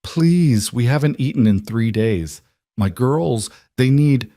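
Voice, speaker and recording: A man's voice: mid-range voice, a little slow, mellow, no room sound, clean studio sound, natural voice. A man voicing a starving young frontier mother of about thirty, pleading in a faint, cracking whisper.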